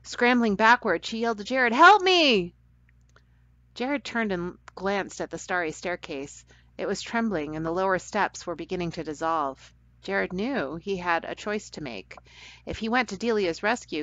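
A woman with a low voice reads a children's story aloud, gentle and caring. The recording is dull and lo-fi, and it sounds close and dry. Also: no room sound. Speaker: storyteller for a church program.

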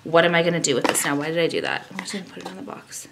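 Her voice is lowish with big pitch swings and vocal fry, and she races along as a woman in her thirties rambles to camera about a skincare product in her bedroom. She's self-deprecating and casual, the camera is at arm's length, and there's background noise.

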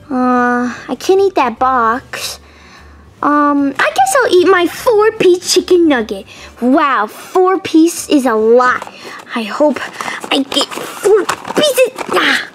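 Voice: high-pitched, exaggerated voice. A young performer voicing a whiny, demanding bunny animatronic plush in a homemade puppet video.

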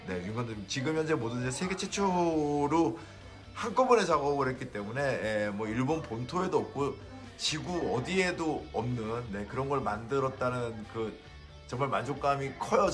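A man hosting a casual vlog, slowly walking through a display of his own builds and admiring them, with many filler words. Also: medium pitch. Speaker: model builder and channel host. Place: indoor exhibition cafe.

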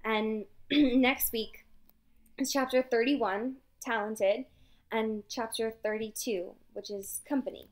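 A young woman takes it slowly as she recaps book chapters on the podcast she co-hosts, keeping it casual with frequent cursing and laughing. Her voice is a little high with fairly even intonation.

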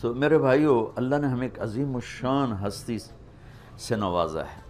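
A man preaching an emotional sermon, telling stories with passion and stretching his phrases slowly at key moments. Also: mid-range voice, lively intonation, darkish tone, faint music behind. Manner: impassioned storytelling, drawn-out pleading phrases.

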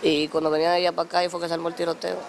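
A man with a Dominican accent, rapidly recounting events in an interview. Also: a little high, monotone, vocal fry, a little hiss or hum. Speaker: wounded witness.

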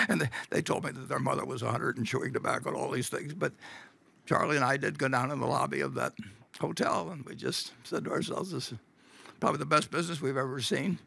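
An older man answering shareholder questions at a meeting in a folksy, halting way, with frequent chuckles and restarts. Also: mid-range voice, gravelly, bright, forceful tone, husky. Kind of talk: unscripted Q&A answer. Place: large meeting stage at a table.

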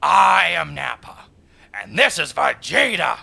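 A man's voice: a little high, big pitch swings, slow pace, creaky, sharp tone, breathy edge, full character voice. A man voicing a big, dim-witted, cheerful alien brute in a parody cartoon dub, goofy and childlike.

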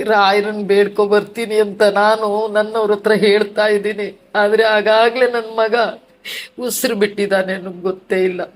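Woman, middle-aged, grieving testimony, halting repetitions, mid pitch. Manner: grieving, repeats words and restarts. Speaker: devotee sharing her testimony. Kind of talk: emotional personal testimony.

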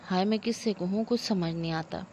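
A woman's voice: mid-range voice, moderate pace, mellow, a little hiss or hum, lightly acted. A woman voicing an aging, self-pitying mother-in-law who scolds and laments theatrically. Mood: aggrieved. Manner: wailing complaints, theatrical laments.

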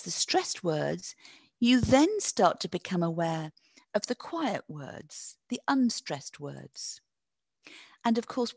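Woman, webinar presenter; encouraging, teacherly, very lively intonation. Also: medium pitch, no room sound. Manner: encouraging, reads chat answers aloud and praises them; lively teacherly delivery with drawn-out stressed words. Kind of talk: live online teacher-training webinar.

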